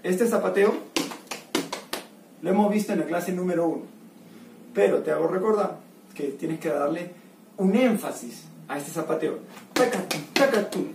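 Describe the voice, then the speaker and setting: A man's voice: sits high, normal speed, gravelly, pauses often, a little mellow, a little hiss or hum. A man from Peru teaching a recorded dance lesson, counting and calling out step rhythms and encouraging his students. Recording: roomy, from far off the mic, with music. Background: music playing.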